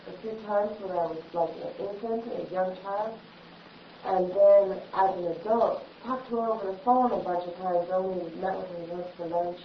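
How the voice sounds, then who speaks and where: A woman talks casually from some distance away from the mic, in an echoey room. She agrees readily and tells a story with animation. The lo-fi sound carries a faint hum of background noise. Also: fairly low pitch. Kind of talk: casual conversation.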